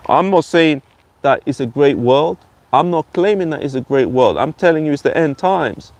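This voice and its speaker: A man's voice: fairly high pitch, expressive, normal speed, darkish tone, dry recording. A channel host giving a blunt, insulting ranting monologue and repeating his phrases.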